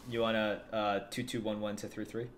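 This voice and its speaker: A man's voice: fairly low pitch, little pitch movement, brisk, slight background noise. A man casually talking through a card game with a friend, dry and laid-back. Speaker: co-host streamer. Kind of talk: casual gameplay chat.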